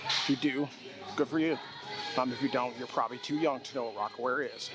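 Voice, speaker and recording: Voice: mid-range voice, fairly even intonation, a little fast, poor audio. A person in their twenties chatting casually in a workout vlog, with slangy talk and swearing. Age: 20s. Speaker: gym vlogger. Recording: music playing behind. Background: music.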